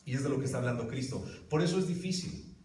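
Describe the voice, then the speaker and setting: A man's voice: medium pitch, lively intonation, fast talker, darkish tone, a little hiss or hum. A man preaching a sermon to his congregation, emphatic, putting questions straight to his listeners. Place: church hall. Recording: roomy hall from a distance.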